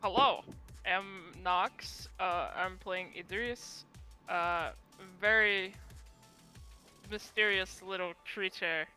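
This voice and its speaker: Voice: mid-range voice, steady tone, takes it slowly, bright, forceful tone, faint music behind. A player chatting casually and enthusiastically about food before a game. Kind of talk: casual chat.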